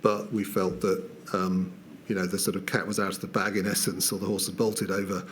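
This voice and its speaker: A man's voice: low voice, flat delivery, brisk, slight background noise. Hesitant British man giving testimony. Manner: hesitant, many fillers and restarts. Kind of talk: formal inquiry testimony.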